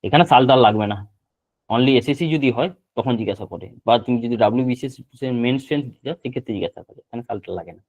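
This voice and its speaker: A male teacher leads an online lesson, saying key terms again and again so his students can copy them. His voice sits at an ordinary pitch for a man. It comes through a narrow, tinny call line. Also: a little mellow. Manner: repeats terms slowly for note-taking. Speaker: geography teacher. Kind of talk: online class lecture.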